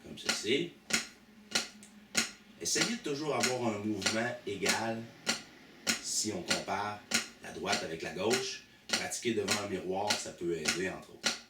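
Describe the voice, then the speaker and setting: Patient Québécois drum teacher, low-pitched, recorded from across an echoey studio over loud drumming. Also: male voice, a little slow, long pauses, heavy background noise. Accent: Québécois French. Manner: patient, counting aloud and naming strokes. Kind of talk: drum lesson with demonstrations. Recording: echoey room, mic far off, loud drum hits.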